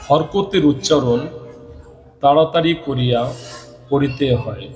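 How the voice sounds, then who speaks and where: A man teaching Quran reading, explaining rules step by step and reciting verses slowly, repeating each rule. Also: mid-range voice, a little mellow, soft background music, low-quality recording. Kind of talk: slow, repetitive recitation lesson.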